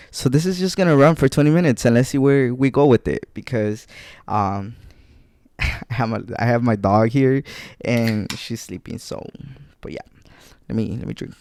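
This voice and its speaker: Chatty young man with a clear voice. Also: medium pitch, a little mellow, no echo. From Guatemala. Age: 20s. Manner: rambling, self-correcting, chatty with listeners. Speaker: podcast host. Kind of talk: casual solo podcast chat. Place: home. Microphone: desk mic.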